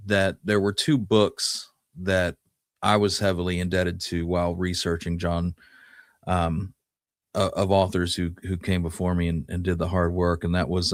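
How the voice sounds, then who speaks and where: In studio-quality audio without any echo, a man with a low-sitting voice talks through history informally as co-host of a show about the American West, keeping it relaxed and chatty.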